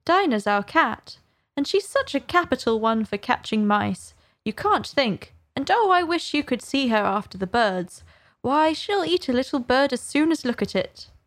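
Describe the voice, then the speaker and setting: A woman's voice: a little high, lively intonation, a little slow, pitched above the performer's own voice. A woman reading aloud and voicing Alice, an earnest, eager little girl. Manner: eager, pleading.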